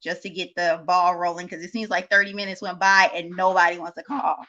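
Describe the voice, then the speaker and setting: A woman's voice: fairly low pitch, fairly even intonation, a little fast, bright, forceful tone. A woman with a cartoon-like voice, chatting casually and animatedly as a call-in guest telling personal stories. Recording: slightly dull, lo-fi call audio.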